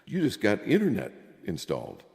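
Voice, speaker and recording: A man's voice: on the low side, huge pitch swings, normal speed, gravelly, a little mellow. An older man hosting a podcast in casual chat, his voice soaked in cave-like reverb. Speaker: podcast host.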